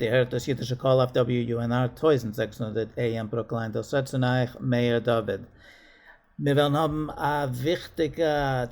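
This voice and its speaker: A man's voice: mid-range voice, darkish tone. Man announcing a radio show. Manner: brisk, announcing. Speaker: radio host. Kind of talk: show introduction.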